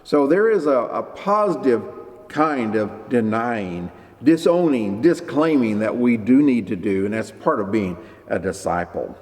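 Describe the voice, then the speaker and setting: A male pastor delivering a sermon with a widely swinging, animated pitch. He lifts his voice to act out quoted speakers and drops low for emphasis. The sound carries a long reverb from the church hall. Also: a little slow. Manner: lively preaching, acting out quoted voices.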